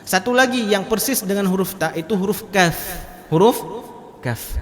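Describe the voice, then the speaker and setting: A man teaching Quran recitation in a mosque, explaining letters and then demonstrating them in loud, drawn-out chanting. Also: high-pitched. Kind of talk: mosque tajwid lesson. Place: large mosque hall. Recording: echoey mosque hall.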